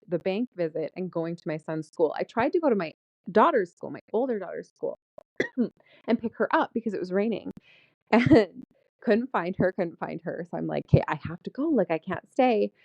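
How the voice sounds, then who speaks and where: A woman in her thirties, a vlogger telling a story in casual chat, animated and laughing often as she talks. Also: on the low side, normal speed, vocal fry, no echo, highs cut off.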